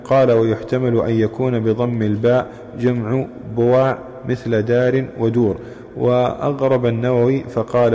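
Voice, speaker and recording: A man reading a classical commentary aloud in a mosque, with steady recitation. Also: medium pitch. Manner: steady recitation of quoted chains. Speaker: student reading the text aloud. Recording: long reverb from mosque hall.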